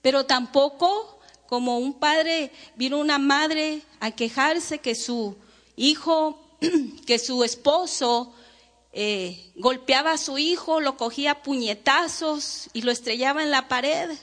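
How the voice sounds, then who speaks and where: High-voiced woman preaching in a reverberant hall. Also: slow pace, a bit bright. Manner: fervent, addresses listeners as brothers and sisters; dramatizes quoted prayers and speech. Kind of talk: sermon.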